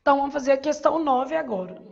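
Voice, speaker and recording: A Brazilian woman teaches a Portuguese exam-prep lesson in a didactic way, posing questions and answering them herself. Her high voice is animated and a little mellow, with vocal fry, and she races along; the recording is muffled.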